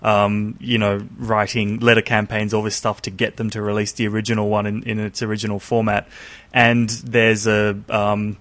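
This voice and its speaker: Low-voiced man rambling about films. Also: completely flat delivery, normal speed, fairly bright tone. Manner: rambling, full of asides and self-corrections. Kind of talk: casual chat about films.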